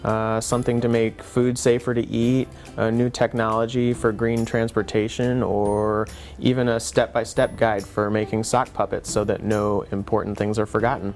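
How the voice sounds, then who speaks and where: A man's voice: fairly low pitch, flat delivery, normal speed, a little mellow, soft background music. A man presenting an explainer in a patient, conversational teaching manner. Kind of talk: semi-scripted explanatory dialogue.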